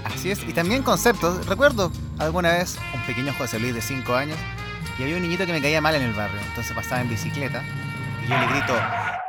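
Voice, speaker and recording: A man's voice: fairly high pitch, big pitch swings, quick pace, over loud music. A man with a Chilean accent co-hosting a podcast, chatting casually and playfully with a theatrical host delivery.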